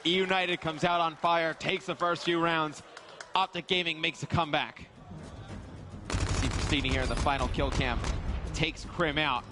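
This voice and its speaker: Casual male esports caster, slightly high voice. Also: steady tone, normal speed, over music. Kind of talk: esports commentary, conversational analysis.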